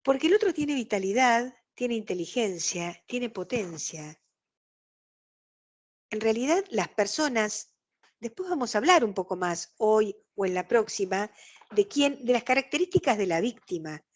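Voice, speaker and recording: A woman's voice: a little high, very animated, measured pace. A woman with a Rioplatense Spanish accent, giving an explanatory online lecture over a video call and acting out quoted exchanges. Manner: explanatory, acts out quoted dialogue.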